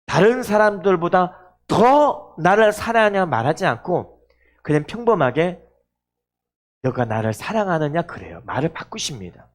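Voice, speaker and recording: A man's voice: sits high, big pitch swings, normal speed. A male pastor preaching a sermon, acting out the quoted dialogue as he goes.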